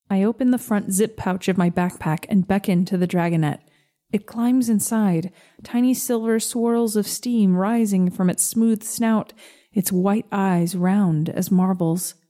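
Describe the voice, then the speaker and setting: A woman narrating a first-person story in a slow, gentle, measured reading. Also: medium pitch.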